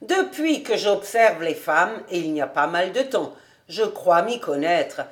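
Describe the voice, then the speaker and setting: A woman's voice: on the low side, expressive, measured pace. A woman voicing a kindly old male rabbi who talks earnestly and pleads fondly, in an audiobook reading.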